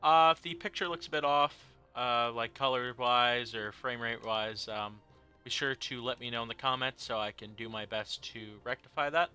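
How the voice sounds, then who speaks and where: A young man talks through a video game at his home setup, rambling and joking between fillers. His tone is sharp and very bright, and faint game music plays under him. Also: medium pitch, normal speed, clear, resonant tone. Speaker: let's play host. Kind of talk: casual gameplay commentary.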